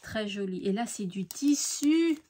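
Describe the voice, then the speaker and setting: A woman's voice: mid-range voice, animated, measured pace, dark tone. A woman hosting a craft channel, opening mail and describing each piece in an effusive, admiring way, sometimes dropping to a near-whisper. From France. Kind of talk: casual mail-opening show-and-tell.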